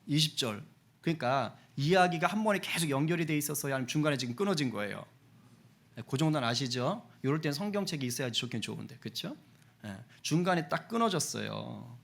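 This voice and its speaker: A man's voice: a little high, animated, fairly quick, gravelly, fairly bright tone. A middle-aged man preaching a Sunday sermon as pastor in a church, talking conversationally and asking the congregation questions. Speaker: senior pastor. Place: church sanctuary.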